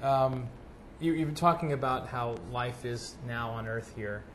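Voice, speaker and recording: A man's voice: mid-range voice, unhurried, a little hiss or hum. A man taking part as a questioner, speaking casually and politely in a hesitant, tentative way. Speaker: audience questioner at a channeling session.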